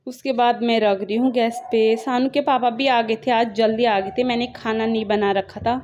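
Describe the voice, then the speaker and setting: A young woman vlogger with a Pahari-tinged Hindi accent chats about her daily routine, rambling along in a homely, storytelling way. Her voice is on the high side and a little mellow, and the audio sounds dull.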